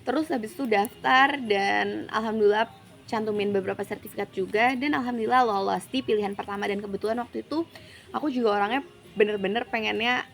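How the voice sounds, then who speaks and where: A woman's voice: medium pitch, fast talker, gravelly. A young woman from Jakarta, a university student, chatting casually as an interview guest and dropping English phrases into her speech. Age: young adult.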